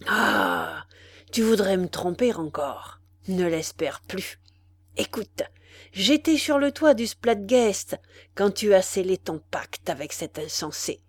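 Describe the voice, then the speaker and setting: A woman's voice: medium pitch, big pitch swings, slow pace, no echo. A woman voicing a small, menacing wild man who speaks in a grim, mocking, threatening way. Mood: accusing.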